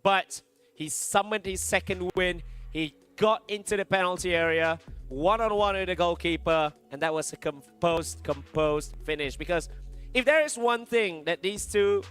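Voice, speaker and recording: Guy commentating an esports football match, kinda high sharp voice, repeats stuff for emphasis, bit of music. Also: moderate pace, clean tone. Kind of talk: live football game commentary and analysis.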